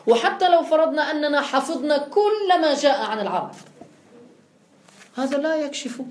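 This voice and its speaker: A woman's voice: sits high, animated, normal speed. Woman teaching in a roomy hall. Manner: explains step by step, poses questions to students then answers them. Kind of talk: classroom lecture.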